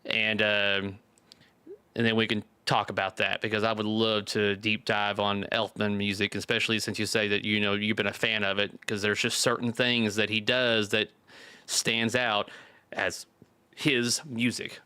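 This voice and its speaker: A man hosts a casual live stream with a bright, forward voice in a dry, close-sounding space. He talks informally and chattily, like he is chatting with friends. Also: fairly low pitch, flat delivery, moderate pace, clean tone, dry recording. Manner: chatty, informal with occasional swearing. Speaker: host of a live pinball chat stream.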